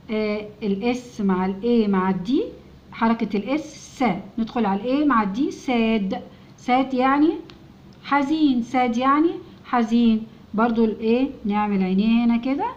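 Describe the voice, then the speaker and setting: A woman's voice: on the high side, a little mellow, muffled recording, slight background noise. Patient Egyptian woman teaching phonics. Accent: Egyptian Arabic. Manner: patient, spells out each letter sound and repeats words slowly. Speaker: English teacher for young children. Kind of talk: step-by-step phonics lesson.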